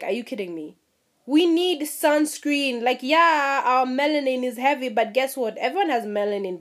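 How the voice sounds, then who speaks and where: A young woman from Kenya ranting casually to her viewers, animated and laughing, swearing freely and mimicking people. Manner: animated, swearing, mimics others in high voices, laughs at herself. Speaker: vlogger. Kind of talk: casual rant to camera.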